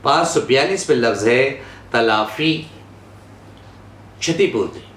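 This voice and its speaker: Male Urdu pronunciation teacher, very slow and deliberate, roomy echo, faint background hum. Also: mid-range voice, lively intonation, a bit bright. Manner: deliberate, repeats each word and gives its meaning. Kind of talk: slow word-by-word pronunciation lesson. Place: studio.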